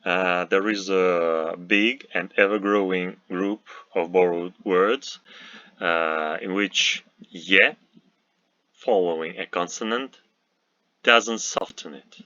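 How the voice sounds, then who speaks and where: A man with a Russian accent teaching a language lesson, talking slowly and deliberately with many "uh" pauses and repeated example words. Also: low voice, fairly even intonation, sharp tone, no echo, dull audio.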